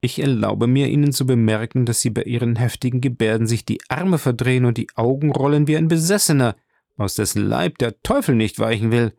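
A man's voice: mid-range voice, a little fast, gravelly, darkish tone, dry recording, studio quality, natural voice. A man voicing a commanding, mocking nobleman who orders his servant about. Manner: imperious, ironic.

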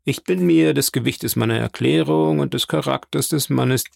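Male reader doing a grave physician, deliberate, gravelly voice, dry close audiobook sound. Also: mid-range voice, darkish tone, no echo. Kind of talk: audiobook reading.

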